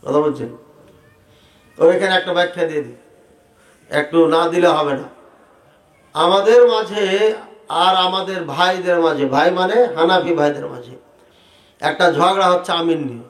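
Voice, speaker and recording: A man preaching to a crowd, animated and rhetorical, asking the audience questions directly. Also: high-pitched, moderate pace, pauses often. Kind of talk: sermon debating prayer practice. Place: large hall with audience. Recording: echoey hall sound.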